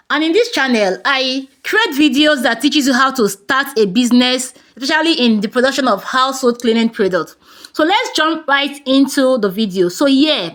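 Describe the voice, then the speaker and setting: A woman with a Nigerian accent giving a brisk, chatty soap-making tutorial and talking straight to her viewers. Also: high voice, a bit bright. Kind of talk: casual tutorial talk.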